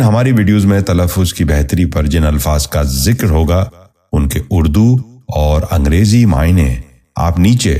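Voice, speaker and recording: Deep-voiced man teaching pronunciation. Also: warm tone. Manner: measured and formal, repeating each word with care. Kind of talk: scripted pronunciation lesson.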